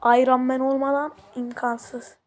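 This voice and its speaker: A young woman commentating her own mobile game play, excitable and slangy, often yelling at the characters on screen. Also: high voice, measured pace, poor audio. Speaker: gaming channel host.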